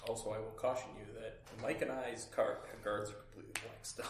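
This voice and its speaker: A man's voice: fairly low pitch, little pitch movement, a little fast, reverberant, background noise. A man hosting a podcast and chatting casually at a tabletop game, joking and laughing often. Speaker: podcast host and tabletop player. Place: room shared with several players.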